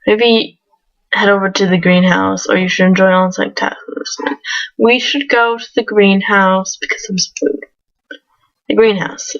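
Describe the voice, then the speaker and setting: Woman, mid-pitched, reads game text aloud with giggly asides; muffled lo-fi home recording. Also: steady tone, unhurried. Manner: giggly, breaks into laughs between read lines. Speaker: let's play gamer. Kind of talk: reading game text aloud with casual commentary.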